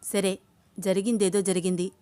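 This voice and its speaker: A woman voicing a calm, caring young man in a spoken storybook. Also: medium pitch, moderate pace, dry recording, natural voice. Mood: reassuring.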